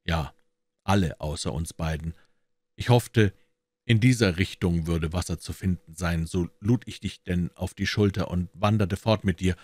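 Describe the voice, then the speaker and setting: Man reading as a worn-out dying man, deep quiet murmur, gentle and weary, audiobook. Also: moderate pace, no echo. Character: starving, weary older man near death. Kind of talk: audiobook character voice.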